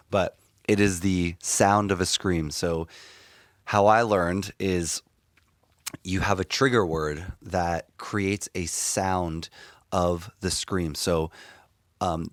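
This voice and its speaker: A middle-aged man, a screaming vocalist, telling stories in a casual, animated interview with many restarts. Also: low-pitched, dry recording, clean studio sound. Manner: rambling, animated storytelling with restarts.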